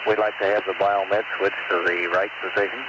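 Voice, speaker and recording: A deep-voiced American man calls a spacecraft as capsule communicator. His radio delivery is plain, procedural and clipped. The 1960s mission recording is extremely noisy. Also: flat delivery, fairly quick.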